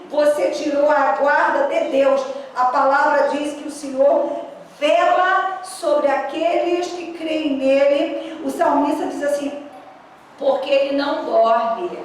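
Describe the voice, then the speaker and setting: A woman pastor preaching a sermon in a church, telling stories in an animated way. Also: high-pitched, slight background noise. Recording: echoey church hall, distant mic.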